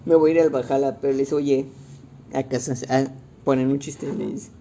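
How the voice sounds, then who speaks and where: A young man with a Mexican accent, casually recapping a movie in slangy, animated talk and acting out the quotes. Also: medium pitch, fairly quick, a little hiss or hum. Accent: Mexican Spanish.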